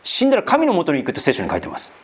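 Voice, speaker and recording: A man's voice: on the high side, very fast, slight background noise. A man preaching an expository Bible sermon, talking to his listeners with questions and asides. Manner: lively, rising and falling delivery with asides to listeners. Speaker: pastor.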